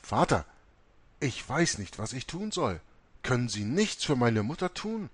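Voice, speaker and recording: An earnest young seminarian, read by a male narrator, speaks in an ordinary male voice with lively pitch. His tone is anxious and searching. The sound is close and dry. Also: a little slow, husky, no room sound. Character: young male priest-student, anxious then doubting.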